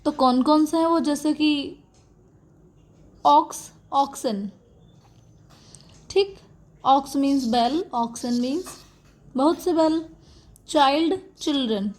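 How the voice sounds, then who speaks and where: High-voiced woman teaching grammar slowly. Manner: explains patiently, repeating words and checking with "okay" and "theek". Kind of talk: classroom grammar lesson.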